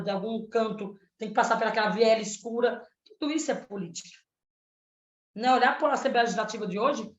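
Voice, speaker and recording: Her fairly high voice arrives through a roomy, dull lo-fi line, much like a video call. She is a state legislature candidate in her 30s from Pernambuco, Brazil, giving a panel debate answer with earnest activist conviction and frequent "né?" tags.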